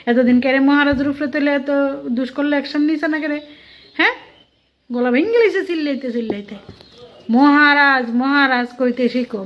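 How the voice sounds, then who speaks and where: A woman delivering a scolding, mocking political rant full of rhetorical questions. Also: sits high. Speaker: political commentator. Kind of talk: ranting political monologue. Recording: dull lo-fi sound.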